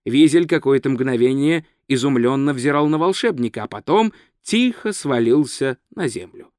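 A man reading a humorous fantasy novel aloud as audiobook narrator, steady and measured. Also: medium pitch, no room sound, clean studio sound.

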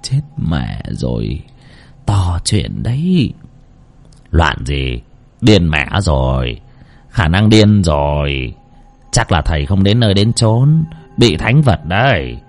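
A man voicing neighbors who gossip in hushed, dragging tones. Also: low voice, very animated, slow, soft background music, voice pushed down, full character voice. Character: gossiping neighbors whispering rumors.

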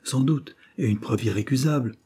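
Grave young man, gentle and steady, a male narrator doing him, mellow and husky. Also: medium pitch, moderate pace, voice pushed up. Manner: calm, grave.

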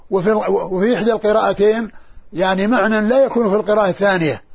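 A high-pitched man with a gravelly, husky voice teaches as a sheikh in a scholarly lesson. He speaks haltingly, restarting words and repeating syllables. The recording sounds dull and lo-fi.

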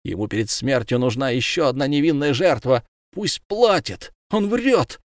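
A man voicing a vengeful woman of the town in a storybook reading, with fierce, loud accusing cries. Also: mid-range voice, expressive, moderate pace, no room sound, clean studio sound, pitched above the performer's own voice, lightly acted.

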